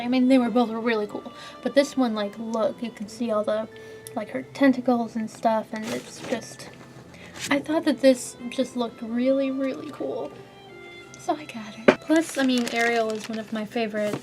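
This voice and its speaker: A young woman vlogging a convention haul in a bubbly, giggly, gushing way, full of "like". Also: high-pitched. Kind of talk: casual convention haul vlog.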